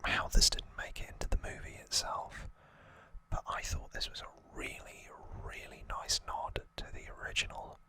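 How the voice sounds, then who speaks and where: A calm, informal explanation unfolds as an ASMR creator recaps in a slow, easygoing style. The sound is a soft whisper without any voicing, kept up throughout.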